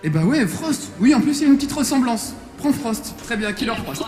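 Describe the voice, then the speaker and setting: A man's voice: very high voice, sing-song, a little mellow. Playful guy hosting a game contest on a convention stage, teasing everyone, echoey hall, music behind. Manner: playful, teasing, quick to joke and cheer on the crowd. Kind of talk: live event emceeing. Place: convention stage before an audience. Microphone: handheld stage mic.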